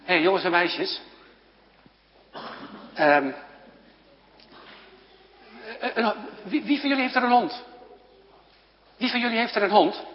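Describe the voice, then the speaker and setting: A man's voice: sits high, lively intonation, moderate pace, pauses often. A man leading a children's moment in a church service, playfully asking questions and often laughing. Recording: echoey hall, dull lo-fi sound.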